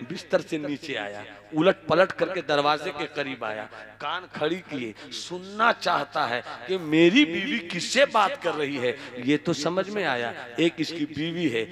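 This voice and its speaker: Dramatic male preacher with crowd. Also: fairly high pitch. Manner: dramatic, swinging from hushed to loud. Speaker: Islamic preacher. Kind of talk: dramatic sermon storytelling. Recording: live crowd behind.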